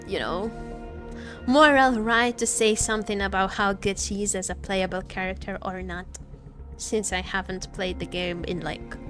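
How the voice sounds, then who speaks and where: A woman livestreamer chatting casually with viewers about games, halting and jokey, often repeating herself. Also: medium pitch, steady tone, a bit bright. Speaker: livestreamer, gaming content creator. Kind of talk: casual live gaming commentary, chatting with viewers. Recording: faint music behind the voice. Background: faint music.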